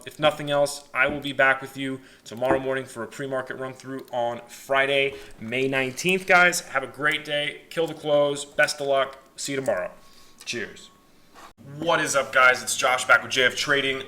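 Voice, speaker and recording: The host of a stock market analysis channel, a young man, gives his viewers loose, conversational commentary while hedging his takes. His mid-range voice sounds pushed and bright over faint background noise.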